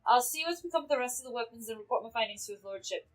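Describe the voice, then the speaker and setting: A woman's voice: fairly high pitch, expressive, very fast, soft background music. A woman voicing a panicky young female gunsmith in a put-on Irish accent, talking in frantic worry. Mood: steadying.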